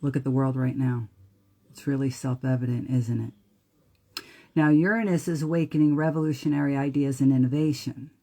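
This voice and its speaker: A woman's voice: extremely low pitch, steady tone, normal speed, warm tone. A woman with a New Jersey accent giving a live astrology talk in an earnest, emphatic way. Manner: earnest, emphatic, occasional profanity.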